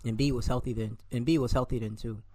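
A man's voice: medium pitch, steady tone, quick pace, darkish tone. A man co-hosting a casual sports podcast, ranting animatedly and calling players and coaches out. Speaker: podcast co-host.

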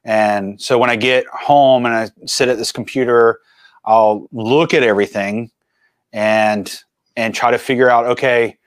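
A man in his forties, a filmmaker and mountain biker, telling stories as a guest in a casual interview with animated, chatty energy. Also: mid-range voice, unhurried, no echo. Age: 40s.

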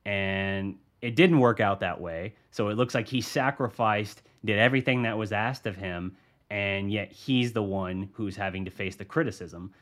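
A man's voice: fairly low pitch, moderate pace, a bit bright. A man hosting a sports podcast, talking through his views casually and thinking aloud, with frequent restarts. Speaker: podcast host, sports journalist. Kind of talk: solo sports podcast commentary.

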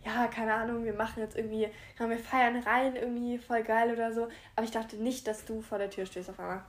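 A young woman with a somewhat high voice talks casually into wireless earbuds. She tells stories in a rambling, filler-heavy way and acts out quoted lines as she goes. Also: level tone, a little fast. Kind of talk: casual chat.

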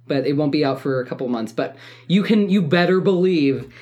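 A woman co-hosting a podcast, telling stories in a relaxed, chatty way with plenty of fillers. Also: sits low, a little fast. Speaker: podcast co-host. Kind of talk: casual chat.

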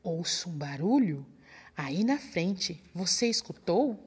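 A woman voicing a big, dim-witted male monster who talks gruffly in a storybook reading. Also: fairly low pitch, very animated, slow, full character voice. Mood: curious.

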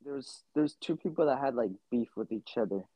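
A man's voice: mid-range voice, lively intonation, normal speed, mellow, husky, no room sound. A young man as a podcast guest, telling stories in a laid-back way with lots of fillers. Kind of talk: casual interview. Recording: dull lo-fi mic.

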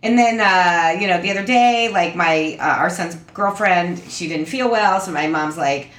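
A woman's voice: fairly low pitch, moderate pace, fairly bright tone. A woman in her fifties co-hosting a podcast, telling family stories in a chatty, exasperated way. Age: 50s. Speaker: podcast host. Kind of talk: casual storytelling chat. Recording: echoey room.

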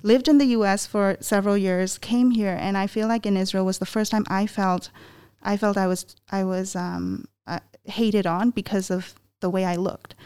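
A woman from Myanmar in her twenties, a panel guest telling a personal story in an earnest, halting way with many restarts. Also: medium pitch, steady tone, mellow, smooth.

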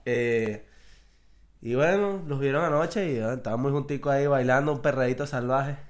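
A man's voice: medium pitch, moderate pace. A man with a Venezuelan accent co-hosting a podcast, trading gossip in a slangy, joking way and trailing off as he searches for words. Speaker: podcast co-host. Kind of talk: casual gossip chat.

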